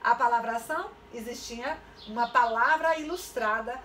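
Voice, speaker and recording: Bright-voiced woman teaching literacy. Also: a little high, slight background noise. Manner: didactic, asks rhetorical questions, stretches syllables slowly. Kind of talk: online lecture for teachers.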